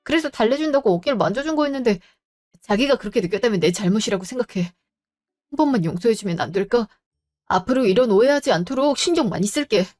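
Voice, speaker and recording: A woman's voice: on the high side, expressive, fast talker, a little mellow. A woman voicing an unfaithful grown man who whines and begs his partner for another chance, in a storybook drama. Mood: pleading. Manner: whiny, begging.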